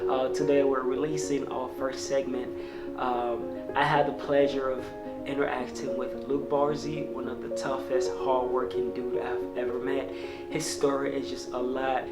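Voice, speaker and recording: A man hosting a casual interview, relaxed and enthusiastic, with many fillers. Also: medium pitch, normal speed. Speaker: host. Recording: music playing behind.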